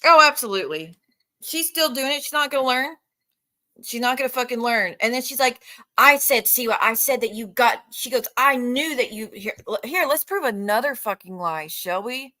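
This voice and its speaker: Speaking to her viewers in an unscripted live rant, a female online streamer gets confrontational and sarcastic and swears a lot. Her voice is a little high, with a bright, forceful tone.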